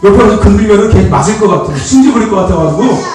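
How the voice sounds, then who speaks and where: Male pastor with a very high, lively voice, chatty and laughing, recorded from a distance in an echoey church hall. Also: very fast, crowd noise. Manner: animated and chatty, laughs often, prompts the congregation for amens. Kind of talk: informal sermon. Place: church sanctuary. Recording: echoey hall, distant mic, faint noise.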